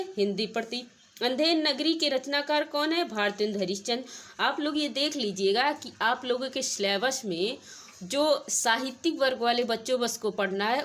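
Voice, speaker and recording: A woman's voice: high voice, a bit bright. A woman teaching Hindi literature, going through a model exam paper and explaining each answer directly to her students. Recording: faint background noise.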